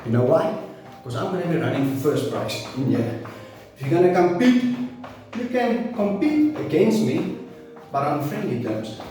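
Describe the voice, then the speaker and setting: A man's voice: on the high side, expressive, warm tone, far from the mic. Echoey earnest man in his forties. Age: 40s. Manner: earnest, preaching, loose with restarts and pauses. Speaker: fitness and faith vlogger. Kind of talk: motivational monologue to camera. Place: small bare home training room with rubber mats. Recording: very echoey room, voice off-mic, music behind.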